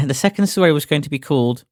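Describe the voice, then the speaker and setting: A man co-hosting a podcast, rambling with halting restarts and an exasperated tone. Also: a little high, lively intonation, creaky, no echo, clean studio sound. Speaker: podcast co-host. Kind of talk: casual chat.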